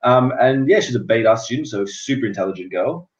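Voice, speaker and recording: A young Australian man, appearing as a guest, tells personal stories in a casual chat. His medium-pitched voice is expressive and fairly quick, though the recording sounds distant, echoey and dull.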